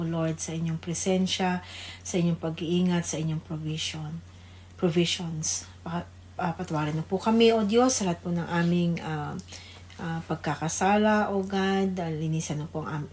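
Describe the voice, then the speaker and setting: Reverent yet conversational, a pastor's wife with a Filipino accent co-hosts a devotional radio show, giving informal greetings and prayers. Her lowish, slightly mellow voice moves at a moderate pace with fairly even intonation, and a little hiss or hum sits under the recording.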